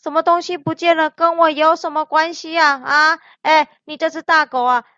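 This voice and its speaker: Casting note: a woman playing a shifty fox pharmacist in a kids' audio drama, high and bright, drawling and defensive, on a dull dry recording. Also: level tone, moderate pace, no echo.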